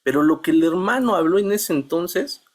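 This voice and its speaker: A middle-aged man giving an earnest, halting testimony in a church Bible class, often calling his listeners brothers. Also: a little high, expressive.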